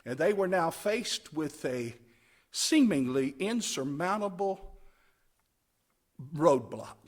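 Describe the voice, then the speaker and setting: Guy preaching at a camp meeting, slow deliberate pace, voice goes way up and down, really dramatic and emphatic. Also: a little high, lively intonation. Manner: emphatic, dramatic delivery swinging from hushed phrases to loud cries; rhetorical, repeats short phrases for emphasis.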